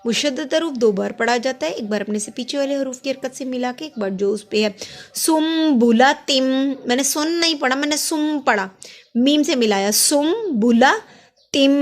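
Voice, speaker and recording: A woman teaching tajweed, patiently explaining each letter and rule step by step between slow recited words. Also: high voice. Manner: chants drawn-out Arabic recitation.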